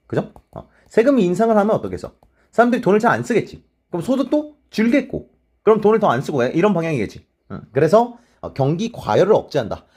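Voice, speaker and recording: Lively, husky-voiced lecturing man. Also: a little high. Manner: casual, checks in often with tag questions; mixes polite and plain speech. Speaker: teacher. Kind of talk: online exam-prep lecture.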